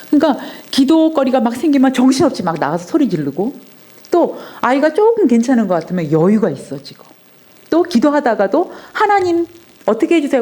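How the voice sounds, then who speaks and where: A middle-aged woman giving a personal testimony at a Sunday church service, telling her story earnestly and dropping her voice softly at tender moments. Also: mid-range voice. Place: church sanctuary.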